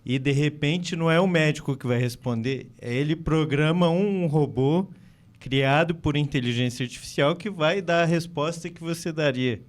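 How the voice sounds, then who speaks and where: A man in a podcast discussion speaking in a measured, thoughtful way with many pauses. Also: on the high side. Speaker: physician podcast guest.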